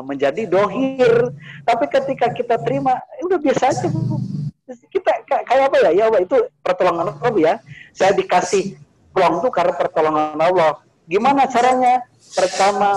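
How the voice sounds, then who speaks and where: Man preacher, slightly high voice, informal teaching to a group, questions the room, radio sound. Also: sing-song, normal speed, darkish tone, poor audio. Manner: chatty, repeats "Bu" often, asks listeners questions. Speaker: religious teacher. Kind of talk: informal religious talk to a group.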